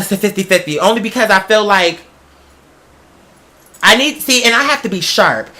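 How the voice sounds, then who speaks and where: Tangents come often as a podcast host chats casually with the audience, using slang and strong emphasis. The voice is mid-pitched, bright and forceful.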